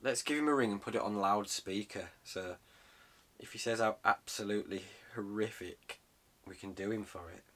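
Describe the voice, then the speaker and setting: A British man in his thirties, a vlogger, interviews a friend by phone from inside a small cabin, their talk full of casual, jokey, matey banter. His voice is fairly low and paced normally, with background noise audible.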